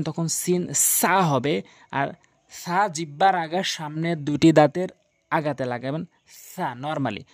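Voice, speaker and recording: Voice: medium pitch, no room sound, studio quality. A Quran recitation teacher giving a pronunciation lesson, patiently explaining tongue and mouth positions and drilling each letter sound over and over. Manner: slow drilling, repeating letter sounds to demonstrate.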